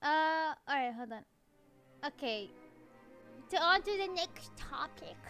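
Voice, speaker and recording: A high-voiced woman leads a casual podcast at an unhurried pace. Her tone is bright and chirpy. She gushes sweetly and drops swear words without a second thought. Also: animated, soft background music. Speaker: podcast host. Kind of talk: casual chat.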